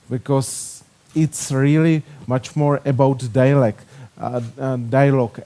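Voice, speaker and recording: A man from the Czech Republic addresses a conference panel in hesitant, non-native English full of fillers. He has a Czech accent and a mellow voice of medium pitch.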